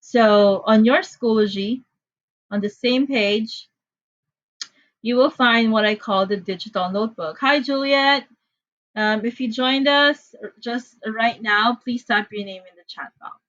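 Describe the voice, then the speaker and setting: A woman's voice: fairly high pitch, measured pace, fairly bright tone, highs cut off. A woman from the Philippines with a Filipino accent, teaching an online class in a chatty, apologetic way with frequent fillers. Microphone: computer mic on a video call.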